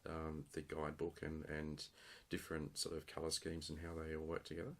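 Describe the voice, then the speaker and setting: A man's voice: a bass voice, monotone, a little fast, vocal fry, fairly bright tone. A man hosting a casual interview, asking questions with frequent uhs and repeated words. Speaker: podcast host, interviewer.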